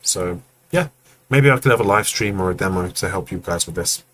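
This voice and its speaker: A deep, slightly bright male voice moves briskly through a low-quality recording. As host of a live stream, he offers casual, friendly feedback on animation, acting out each movement and joking with chat.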